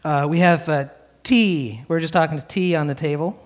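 A man hosting a casual live radio interview, relaxed and laughing easily. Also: on the high side, moderate pace.

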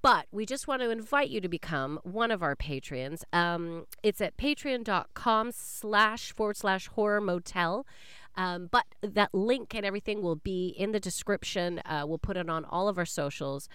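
A woman's voice: medium pitch, normal speed, fairly bright tone, smooth, dry recording, studio quality. A woman co-hosting a podcast in casual comic chat, enthusiastic and playful. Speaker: podcast co-host.

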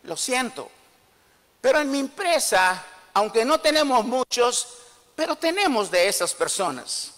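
A man's voice: very high-pitched, very animated, measured pace, fairly bright tone, big-room sound, full character voice. A man voicing an insistent male company manager who questions firmly.

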